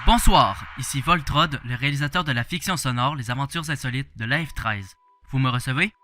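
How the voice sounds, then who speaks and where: A man's voice: mid-range voice, fairly quick, bright, forceful tone. Man calling in over a radio link. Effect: incoming radio transmission. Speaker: audio drama director.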